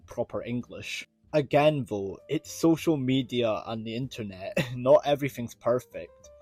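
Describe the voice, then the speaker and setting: With a Scottish accent and a medium-pitched, slightly rough, somewhat mellow voice, this man from Scotland chats with viewers about his channel, where he reviews children's TV shows. He comes across as earnest and rambling, returning again and again to earlier points.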